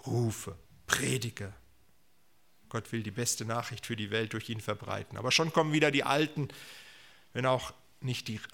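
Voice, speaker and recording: A man preaching a sermon, swinging between loud proclamations and quiet, almost whispered asides. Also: mid-range voice, vocal fry.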